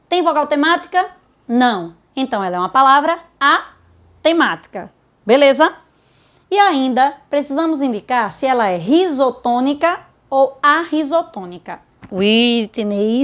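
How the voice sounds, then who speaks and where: Brisk Brazilian teacher, higher voice. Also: female voice. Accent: Brazilian Portuguese. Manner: asks and answers her own questions, voicing imagined students. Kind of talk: grammar lesson.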